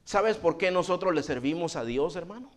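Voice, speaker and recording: A male pastor preaching a sermon with fervent conviction. He speaks in a somewhat high voice, firing rhetorical questions and calling out to his listeners as brothers again and again. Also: animated, normal speed.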